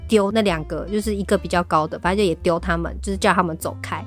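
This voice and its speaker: A woman's voice: on the low side, fast, soft background music. A woman, co-hosting a casual talk show and telling stories with animation and frequent laughs. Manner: animated storytelling, often laughing. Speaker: podcast co-host. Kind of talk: casual chat.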